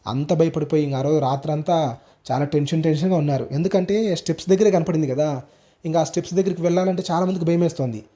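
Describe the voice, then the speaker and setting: Fast-talking man telling a ghost story. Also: on the high side. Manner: animated, acts out quoted speech. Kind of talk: first-person ghost story narration.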